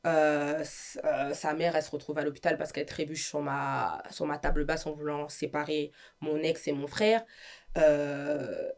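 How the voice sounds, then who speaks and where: French woman telling her story, acts out what everyone said, voice a bit on the low side. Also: a little slow. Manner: animated storytelling, acts out quoted dialogue. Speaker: guest giving testimony. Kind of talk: emotional spoken testimony.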